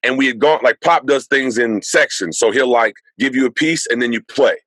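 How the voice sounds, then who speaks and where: A man co-hosts a laid-back sports podcast, recalling his playing days in a mid-range voice with a bright, forceful edge. He keeps the talk moving with a steady "right, right," and the recording is dry and close-miked. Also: mid-range voice, normal speed, dry recording. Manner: agreeable, tells stories, affirms with constant "right". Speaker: co-host, former pro basketball player. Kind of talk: casual sports podcast discussion.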